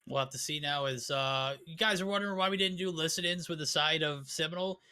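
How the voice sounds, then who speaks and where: A man's voice: fairly high pitch, fast talker, pushed and bright, clean tone. A man casting an online esports tournament, upbeat and joking, hyping up the match. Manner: upbeat, hype-driven and joking. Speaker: esports caster. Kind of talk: play-by-play commentary.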